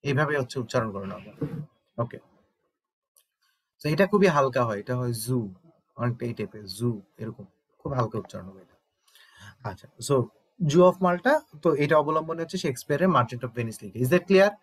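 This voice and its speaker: A man's voice: mid-range voice, lively intonation, moderate pace, pauses often. A Bangladeshi man teaching an online exam-prep lesson, explaining step by step and often checking that students understand. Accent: Bangladeshi Bengali.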